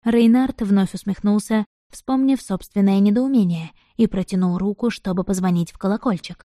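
A woman reading a novel aloud in even, measured scripted narration. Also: mid-range voice, no room sound, studio quality. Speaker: audiobook narrator.

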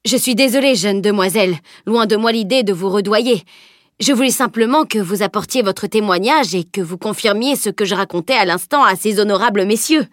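A woman voicing a boastful, hulking blond male warrior in an audiobook, loud and swaggering. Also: mid-range voice, a little fast, no echo, studio quality, close to an everyday voice. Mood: pleading. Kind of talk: audiobook character voice.

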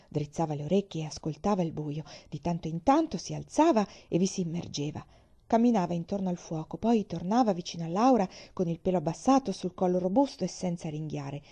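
Brief: woman narrator for an audiobook chapter, calm and expressive, low mellow voice, slightly muffled recording. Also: husky. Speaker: reader. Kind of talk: reading a novel aloud.

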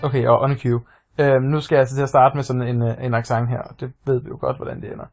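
A man's voice: mid-range voice, little pitch movement, creaky, soft background music. A man co-hosting a casual podcast chat, self-mocking and full of fillers. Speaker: podcast co-host. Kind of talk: casual chat and reading a story.

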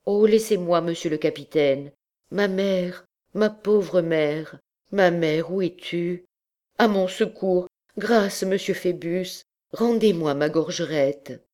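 A woman's voice: low-pitched, slow pace, mellow. A woman voicing a young, desperate dancer girl who pleads passionately with the man she loves. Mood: pleading.

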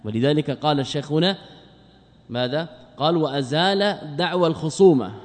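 Sheikh man giving a quick lesson, keeps asking and answering his own questions, echoey hall. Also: a little high. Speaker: sheikh teaching a religious text. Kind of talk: classroom lecture on a religious text.

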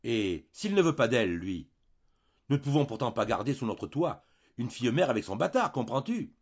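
A man playing an irritable young husband who shouts in exasperation, on a dull lo-fi recording. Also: fairly low pitch, big pitch swings, quick pace, slightly rough, heavily acted. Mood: furious.

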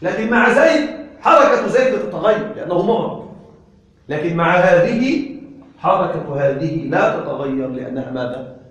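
A man teaching Arabic grammar to a class. He keeps asking whether his students follow and repeats key terms slowly. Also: on the high side, lively intonation, muffled recording. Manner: checks understanding with frequent questions to the class. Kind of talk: classroom lesson. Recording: echoey room, voice from a distance.

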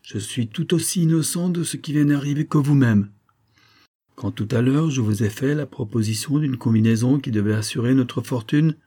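A man's voice: medium pitch, mellow, breathy edge, close to an everyday voice. A man voicing a scheming army major who talks in a cool, taunting way. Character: scheming, mocking adult male major.

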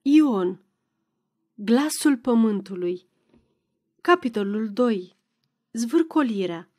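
A woman reading an audiobook in scripted narration, measured and expressive. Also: a little high.

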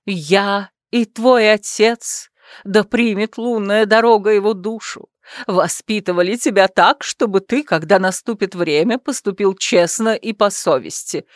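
Audiobook: woman reader doing a domineering werewolf clan mother, loud and emphatic, dry mic. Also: medium pitch, no echo, lightly acted. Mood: commanding. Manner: loud, commanding, slow and emphatic. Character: stern domineering werewolf clan matriarch, middle-aged woman.

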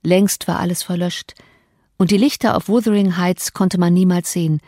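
A woman reading a novel aloud in measured, scripted narration. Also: on the low side, steady tone, mellow, no room sound, studio quality. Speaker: audiobook narrator.

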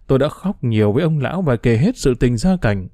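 A man narrating a novel as a first-person diary, reading in an expressive, emotional way. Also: medium pitch, a little fast, dry recording. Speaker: audiobook narrator.

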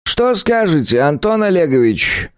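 A man's voice: high-pitched, very animated, a little slow, no room sound, clean studio sound, voice pushed up. A man voicing a stern, sarcastic male administrator who snaps out his rulings. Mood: curt, sarcastic. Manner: snapping, sarcastic.

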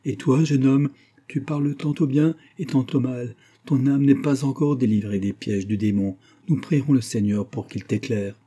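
A man reading an audiobook voices a stern, devout old nurse who scolds and warns in a solemn, prophetic tone, with a husky voice. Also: mid-range voice, normal speed, mellow, voice pushed up, lightly acted. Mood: stern reproach.

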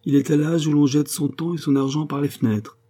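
A man's voice: fairly high pitch, fairly even intonation, a little fast, dark tone, pitched above the performer's own voice, close to an everyday voice. A man doing a scornful, mocking journalist. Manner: scornful, teasing. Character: mocking sardonic male journalist, middle-aged man.

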